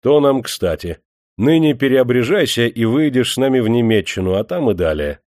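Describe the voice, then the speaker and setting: A man voicing a stern, domineering male factory master who barks gruff commands in an audiobook. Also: mid-range voice, big pitch swings, normal speed, a little mellow, dry recording, clean studio sound, lightly acted. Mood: imperious.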